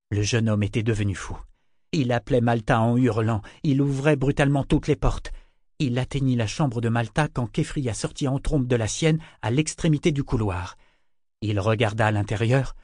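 A man's voice: mid-range voice, darkish tone, dry recording. Man narrating a novel, dry close sound. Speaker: audiobook narrator.

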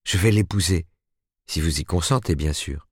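A man's voice: low-pitched, normal speed, husky, no echo, studio quality. A man reading the part of an earnest, lovestruck young woman in an audiobook, tremulous and pleading.

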